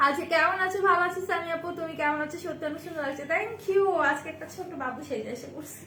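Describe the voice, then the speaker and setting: Woman, live-sale host, chatty, greets viewers by name; fairly high voice, faint room hum. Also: quick pace, bright, forceful tone. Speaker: live-stream seller and host. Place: indoor shop with bags on display behind her. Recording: echoey room with faint ambience.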